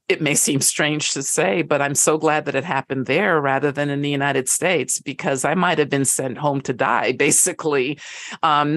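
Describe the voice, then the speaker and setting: A woman's voice: low-pitched, a bit bright. A woman in her fifties talking casually as an interview guest, enthusiastic and chatty with frequent restarts. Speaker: guest, network founder.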